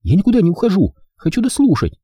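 A man's voice: very animated, quick pace, warm tone, slightly rough, no echo, clean studio sound, full character voice. A man voicing a fiery, sarcastic young woman who bursts out in indignant lines. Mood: furious. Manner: shrill, indignant outbursts.

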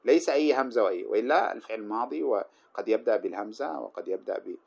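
A man teaching grammar, reciting lines of verse slowly and then explaining them with many short examples. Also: lowish voice, expressive, creaky, a little mellow, husky. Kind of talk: explaining a grammar poem line by line. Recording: dull lo-fi recording.

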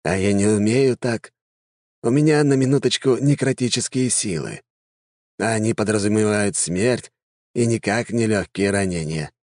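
A man's voice: fairly low pitch, moderate pace, a little mellow, no echo, clean studio sound, pitched above the performer's own voice, close to an everyday voice. A man voicing a gloomy, mild-mannered male necromancer who complains in a plaintive, sighing way, in an audiobook. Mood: sulky. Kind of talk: audiobook character voice.

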